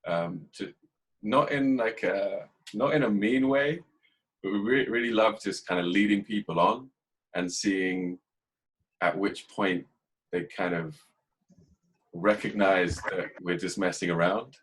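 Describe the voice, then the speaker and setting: An English man hosting a podcast, talking in a casual, reflective way and keeping a dry, even tone even when he jokes. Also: fairly low pitch, measured pace, breathy edge, low-quality recording. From England. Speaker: podcast host. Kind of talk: casual conversation.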